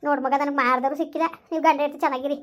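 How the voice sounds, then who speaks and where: A woman's voice: high voice, fairly even intonation, very fast, lightly acted. A woman playing a grieving elderly village mother-in-law in an amateur family skit, with plaintive, lamenting rural speech. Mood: hurt, tearful.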